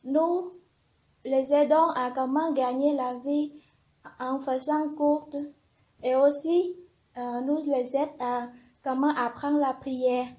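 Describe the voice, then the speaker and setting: A young woman, a religious sister in formation, giving a slow, earnest personal testimony in simple phrases. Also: high-pitched, fairly even intonation, mellow.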